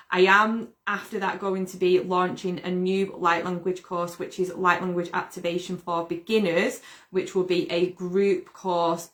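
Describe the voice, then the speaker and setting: A young woman from the UK, hosting a casual livestream, talking loosely with fillers as she wraps up. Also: fairly low pitch. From United Kingdom. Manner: relaxed, fillers, promotional wrap-up. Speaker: livestream host.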